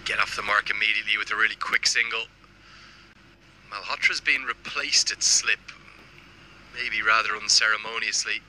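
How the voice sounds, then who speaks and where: A man's voice: on the low side, steady tone, moderate pace, long pauses, bright, forceful tone, slight background noise, rough recording. A man giving live cricket commentary and reading out viewer messages. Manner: reads viewer messages aloud.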